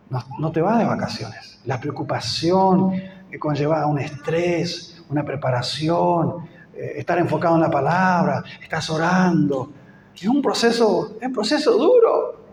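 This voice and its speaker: Argentine male preacher, high voice, fervent sermon, echoey hall, long reverb, faint ambience. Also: measured pace, darkish tone, a little hiss or hum. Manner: fervent, rising to emphatic peaks. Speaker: pastor.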